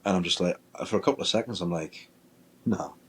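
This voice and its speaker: A man, a paranormal investigator, telling a ghost-hunting story in a lively way and acting out his own reactions. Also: low-pitched, quick pace, slight background noise. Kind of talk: storytelling in casual chat.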